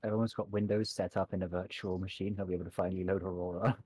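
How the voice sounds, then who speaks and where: A man's voice: deep voice, level tone, racing, darkish tone, breathy edge, dry recording. A man playing a tabletop game, speaking matter-of-factly about his turn. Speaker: player.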